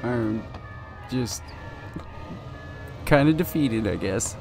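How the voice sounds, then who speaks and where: A gaming video creator commentates live on a driving game, nervously pleading as he keeps urging the car on. His medium-pitched voice has lively intonation and is extremely slow, with music playing underneath.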